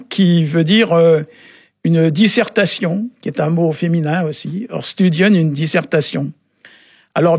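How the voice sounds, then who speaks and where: A man explaining word meanings on a radio show in a relaxed, halting way, often pausing with filler sounds. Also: on the high side, no echo, studio quality. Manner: halting, often adds "hein" and "euh". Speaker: Breton language expert on a radio show.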